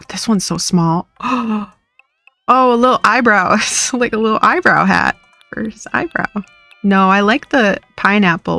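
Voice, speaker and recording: Woman streamer, playful and giggly, unhurried casual chat, dry sound with soft background music. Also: medium pitch, no room sound. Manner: giggly and playful, chatting to viewers. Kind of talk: casual live-stream chat while gaming. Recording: dry close mic with faint music.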